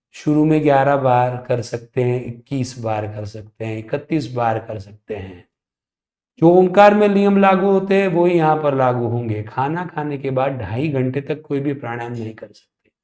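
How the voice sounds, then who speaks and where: A man giving a slow, calm spoken yoga lesson as the teacher. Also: mid-range voice, echoey room. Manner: calm, deliberate instruction.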